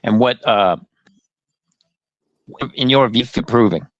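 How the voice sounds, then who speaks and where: A man's voice: medium pitch, slow pace, no room sound. A man interviewing a guest over a crackly phone line that keeps cutting out, speaking hesitantly with fillers. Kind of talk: casual interview over a call. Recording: dull, dry lo-fi call audio.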